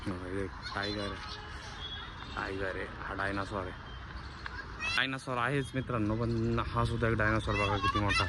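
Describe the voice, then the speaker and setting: A man's voice: fairly low pitch, steady tone, normal speed, pauses often. A man filming a family vlog in a public garden, talking casually to his viewers and urging the children along. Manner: chatty, addresses viewers as friends, hurries the children along. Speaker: family vlogger. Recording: outdoor phone audio with loud street noise.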